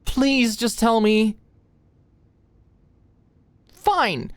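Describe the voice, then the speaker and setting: In an ASMR roleplay, a woman voices a young medical student who is anxious and stressed, stammering and halting as she speaks. Her voice sits a little high, there's no echo, and the mood comes across as both frustrated and playful.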